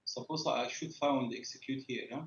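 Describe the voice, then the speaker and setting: A man on a conference call, a trainee asking for help in a remote session, talking in a hesitant, halting way. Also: mid-range voice, a bit bright. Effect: voice coming over a conference call. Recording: dull lo-fi call audio.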